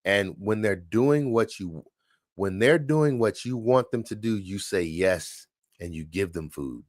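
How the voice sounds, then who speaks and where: A man hosting a casual livestream, chatting and answering viewers' dog training questions, relaxed and repeating his points. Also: lowish voice, measured pace, dry recording, clean studio sound.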